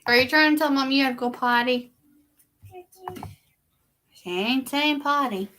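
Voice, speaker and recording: A woman, a young mother, chatting casually in a bedroom with a slow, teasing, folksy way of talking. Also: high-pitched, sharp tone. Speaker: mother of the toddler. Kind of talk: casual chat.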